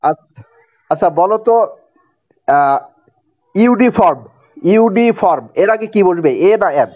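A male teacher with a Bangladeshi accent and a fairly high voice walks students through a grammar point. He repeats each rule and keeps checking whether they follow. The recording is dry and a little muffled. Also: expressive, moderate pace, darkish tone, no echo. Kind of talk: classroom grammar lesson.

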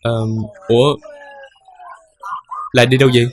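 A man's voice: medium pitch, flat delivery, normal speed, lightly acted. An actor playing an earnest young man pleading with the woman he courts, with a Southern Vietnamese accent. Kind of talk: TV drama acting.

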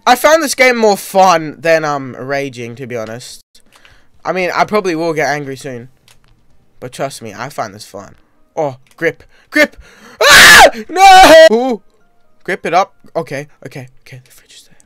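A man giving excitable let's-play commentary as host of his gaming channel, yelping and shouting at every mishap. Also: fairly high pitch, moderate pace, dry recording, faint music behind.

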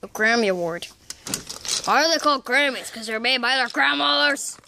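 A woman's voice: high-pitched, normal speed, vocal fry, pushed and bright, pitched below the performer's own voice, heavily acted. A woman voicing a small, quirky toy cat that is easily put out, in improvised play at home. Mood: casual, deadpan. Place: indoors at home, over a dollhouse. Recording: noisy handheld home recording.

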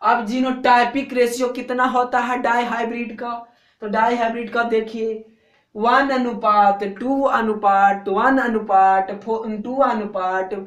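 A man's voice: sits high, fairly bright tone, muffled recording. Bihari-accented man drilling biology answers. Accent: Bihari Hindi. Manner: drills answers by repeating them in a chant; colloquial and coaxing, keeps checking "theek hai na". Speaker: biology teacher. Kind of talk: exam-prep lecture. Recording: echoey room.

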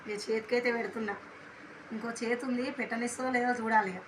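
A woman's voice: a little high, level tone, fast talker, noisy background. A young woman, chatting through a casual home vlog, rambling with many fillers while she has a stuffy cold and sore throat. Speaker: vlogger and mother.

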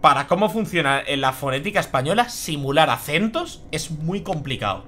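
A young man from Spain with a Spanish accent talks through a horror game on a live stream, reacting out loud and swearing casually. His pitch swings widely and the tone is bright and tense. His voice sits a little higher than most men's. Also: lively intonation, normal speed, a little hiss or hum. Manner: chatty, swears freely, reacts aloud. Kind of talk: live gameplay commentary.

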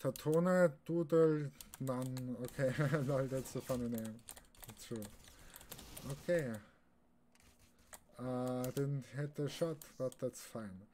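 This young Austrian streamer has a warm, mid-range voice and talks slowly, leaving long pauses between remarks. A native German speaker with an Austrian accent, he keeps his game commentary casual. The keyboard and background noise are distinctly audible.

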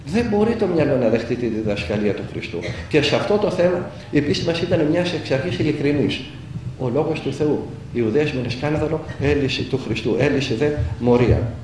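Preaching Greek monk in an echoey room. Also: male voice, on the high side, a little mellow, a little hiss or hum. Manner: storytelling preacher acting out dialogue with rising and falling voice. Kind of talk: sermon with storytelling. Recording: echoey room heard from a distance.

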